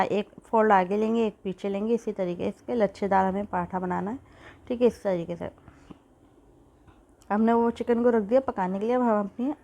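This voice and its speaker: A woman's voice: medium pitch, warm tone. Woman with a sore throat, cooking tutorial. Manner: chatty, repeats "theek hai" often. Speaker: cooking channel host. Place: home kitchen. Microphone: phone.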